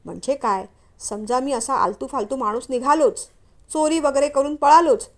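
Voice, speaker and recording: Lady doing a polite young guy begging for a ride, earnest, pleading, highish voice. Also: moderate pace. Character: young man, polite, pleading, educated stranger.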